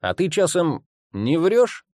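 A man playing a restless, distrustful father who questions his son point by point, skeptical and blunt, now and then bursting out loud. It is a storybook voice in a dry, close audiobook recording. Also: a little high, huge pitch swings, slow pace, no room sound, pitched above the performer's own voice, full character voice. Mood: suspicious. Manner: suspicious, interrogating questions.

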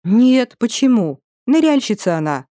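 A wary young village girl, as a woman narrator puts her on, answering in short, dutiful, guarded phrases. Her voice is soft-toned and mellow. The sound is dry and close to the mic. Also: lowish voice, expressive, takes it slowly, no echo. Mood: surprised.

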